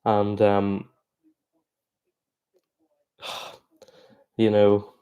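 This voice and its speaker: A man giving chatty, excitable live reaction commentary on a rugby match, breaking into exclamations. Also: fairly low pitch, extremely slow, clean tone. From Ireland. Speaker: sports reaction streamer.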